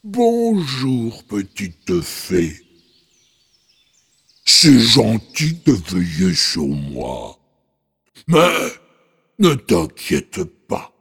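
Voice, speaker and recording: A man voicing a sad, lovesick male ogre with a big gruff voice, slow and mournful, rising into high wails. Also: huge pitch swings, fairly bright tone, full character voice. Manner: slow, mournful, swings between low rumble and high wails.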